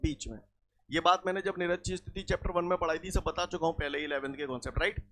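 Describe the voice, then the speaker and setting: A man's voice: a little high, steady tone, quick pace, fairly bright tone, a little hiss or hum. A man teaching a physics lesson to a class. He explains step by step with everyday examples, repeats key points, slips into rustic dialect words and keeps asking whether the students follow.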